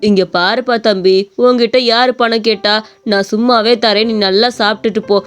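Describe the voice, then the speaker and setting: A woman voicing a gentle, kindly old man who runs a small appam shop, with a soft, fatherly, consoling way of talking. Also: fairly high pitch, fairly even intonation, normal speed, clean tone, soft background music, close to an everyday voice. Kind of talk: animated story voice acting.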